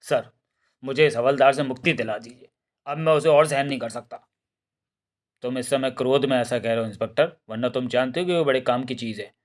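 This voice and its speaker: A man's voice: medium pitch, fairly quick, natural voice. A man doing an irritable police inspector. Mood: exasperated. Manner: curt, exasperated.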